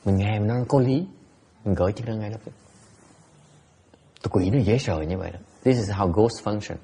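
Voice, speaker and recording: A middle-aged man giving a relaxed bilingual Buddhist dharma talk to his students, often repeating words and laughing. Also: fairly low pitch, normal speed, slightly rough. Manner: repeats his words, laughs, switches between two languages. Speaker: Buddhist teacher.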